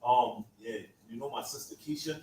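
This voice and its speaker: A man speaks up from the class with a hesitant story, restarting his sentences. His voice sits at a middle pitch. He is far from the mic in an echoey room with faint hum. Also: normal speed, a little mellow. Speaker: class member. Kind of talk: telling a personal story in class.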